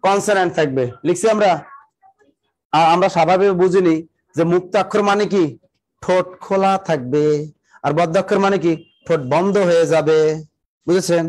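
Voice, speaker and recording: A male teacher giving a live online exam-prep class, repeating definitions slowly so students can write them down and urging them to hurry. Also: high voice, steady tone, a little mellow. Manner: talks to viewers directly, greeting them by name and district.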